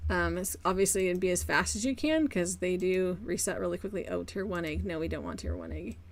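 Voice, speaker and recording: A woman streaming a game live, chatting casually with her viewers and greeting them by name, with a quick excitable streak and repeated exclamations. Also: fairly low pitch. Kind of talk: casual live-stream chat while gaming.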